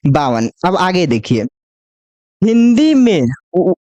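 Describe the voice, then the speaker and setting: A man teaching Hindi grammar in a coaching class, who asks the class questions, answers them himself and draws the letters out slowly as he lists them. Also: high voice, big pitch swings, dark tone, no echo, lo-fi sound. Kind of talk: classroom lecture.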